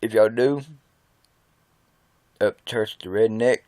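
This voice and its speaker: A man's voice: lowish voice, slow, a little mellow, no room sound. A man from West Virginia with an Appalachian accent, singing a country song cover at home and chatting folksily between verses. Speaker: amateur singer.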